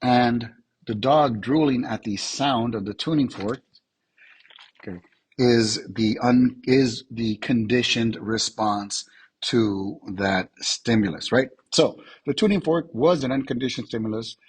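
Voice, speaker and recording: A male teacher giving a casual lecture to his students, his voice husky as he is losing it, often asking "right?" to check that they follow. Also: medium pitch, unhurried, dry recording, low-quality recording. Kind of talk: classroom lecture.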